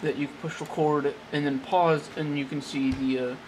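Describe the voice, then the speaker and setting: A man with a higher voice gives a hesitant, rambling tech walkthrough, correcting himself as he goes, in a flat delivery. He's at a desk in a small room, recorded casually and unscripted by a handheld camera just behind him off-screen, with noise in the background.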